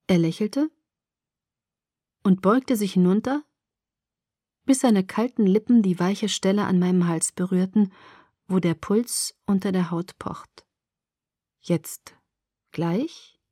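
A woman reading a story in first person with a measured, intimate delivery. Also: medium pitch, a little mellow, dry recording, studio quality. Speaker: audiobook narrator. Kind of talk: scripted first-person narration.

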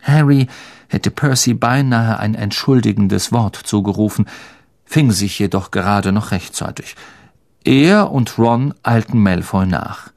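A man reading a story aloud as narrator in an expressive storytelling manner. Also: fairly low pitch, unhurried, vocal fry. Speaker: audiobook narrator. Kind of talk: scripted narration.

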